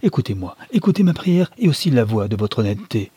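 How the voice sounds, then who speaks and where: A man's voice: medium pitch, very animated, fast, mellow, slightly rough, no echo. A man voicing a passionate young man in love who pleads ardently with the woman he adores, in a novel read aloud. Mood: wounded.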